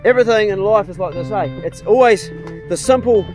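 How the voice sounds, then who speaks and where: A man's voice: high voice, a little fast, darkish tone, faint music behind. A man with a broad New Zealand accent chatting casually for a DIY vlog in a blokey, matey way, recorded outdoors on a handheld phone. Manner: blokey, matey, laid-back swearing. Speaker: vlogger. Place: outdoors on a rural property.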